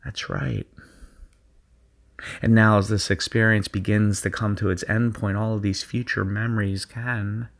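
Low gravelly man guiding a visualization. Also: level tone. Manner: slow, soothing hypnotic cadence with repetition. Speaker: sports performance coach. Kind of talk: guided visualization recording.

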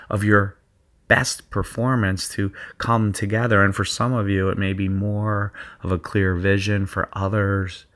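Low gravelly man guiding a visualization. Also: a bit bright. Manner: slow, soothing hypnotic cadence with repetition. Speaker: sports performance coach. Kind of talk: guided visualization recording.

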